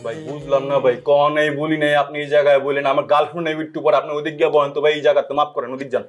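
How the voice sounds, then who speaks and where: A man acting an irritated young boyfriend in a Bangladeshi comedy drama. He protests and questions very quickly in a Bangladeshi accent, over faint music. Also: a little high, little pitch movement, lo-fi sound, lightly acted. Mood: irritated, puzzled.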